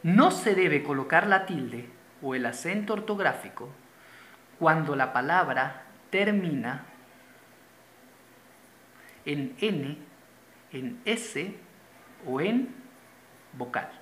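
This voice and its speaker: A man's voice: on the high side, expressive, slow, long pauses, a bit bright, slight background noise. Male teacher in a roomy space. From Venezuela. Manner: patient, repeats key terms, points at a board. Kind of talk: classroom-style grammar lesson. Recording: roomy echo.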